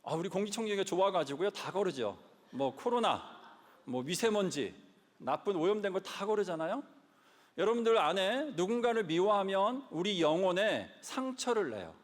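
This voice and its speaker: Man in a big hall, animated storyteller-preacher, pitch swings widely, reverb trails his words. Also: normal speed. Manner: animated storyteller, repeats lines for emphasis. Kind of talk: lively sermon-style talk.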